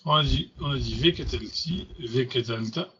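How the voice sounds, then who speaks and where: A man's voice: medium pitch, moderate pace, lo-fi sound, background noise. A man teaching a grammar lesson, patiently repeating and spelling out words. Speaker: Hebrew teacher.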